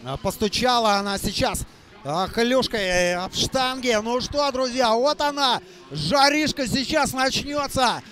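A man doing live hockey play-by-play, halting and repeating phrases for emphasis. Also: extremely high pitch, a bit bright. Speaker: hockey commentator. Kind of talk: live play-by-play sports commentary.

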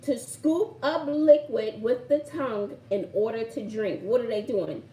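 Unhurried and a little high, with a dark tone, a middle-aged Brooklyn woman leads a casual live word game, repeating phrases in a playful, emphatic way. She sits far from the mic in a home room by a shuttered window, and the recording carries roomy echo and faint background noise.

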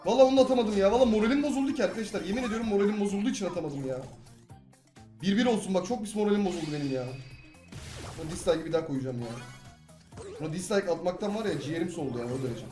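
An excitable young man from Turkey talking over a match he is playing, flipping between loud yelps and muttered grumbles. His voice sits in a middle pitch and sounds a little roomy, with game music playing underneath. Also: very fast. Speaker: gaming YouTuber. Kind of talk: live gameplay commentary. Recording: echoey room with game music.

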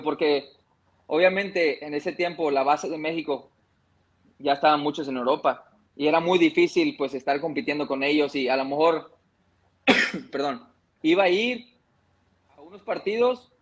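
A man's voice: a little high, moderate pace, low-quality recording. A man in his thirties from Mexico, a former footballer telling his story in a casual interview, conversational, excusing his coughs and slips.

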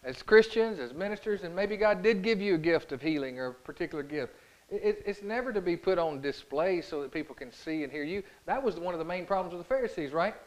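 Speaking fast and expressively in a high register, a male pastor gives a homey, conversational sermon peppered with rhetorical questions for the congregation. His delivery halts as he repeats words and restarts, captured on a low-quality recording.

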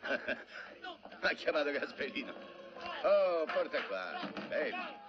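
An actor playing a haughty, mocking nobleman with a Roman accent, talking in a sardonic, lively way. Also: fairly high pitch, slow pace, heavily acted. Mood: jovial, teasing. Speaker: marquis hosting guests. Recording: dull old film soundtrack with music.

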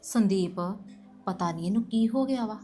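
A woman's voice: medium pitch, moderate pace, dark tone, soft background music, natural voice. An actress playing a middle-aged mother who complains and plots against her daughter-in-law. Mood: complaining. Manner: complaining, conspiratorial. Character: scheming middle-aged mother, worried and resentful. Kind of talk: web drama acting.

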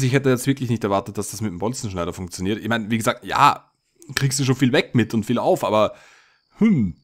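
A man hosting a let's play, musing and thinking aloud with many hesitations as he plays. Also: mid-range voice. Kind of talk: casual gameplay commentary.

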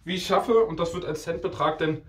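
A young man with a slightly high voice chats to the camera. He is informal and slangy. He often stammers back over a word before carrying on. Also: fairly quick, a bit bright. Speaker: video creator. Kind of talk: casual talk to camera. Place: small indoor room.

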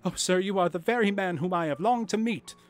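A man's voice: a little high, very animated, quick pace, faint music behind, pitched above the performer's own voice. A man voicing a small, nervous, cringing man in an audiobook, with a thin, whining, quavering voice and a timid manner. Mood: eager, agitated.

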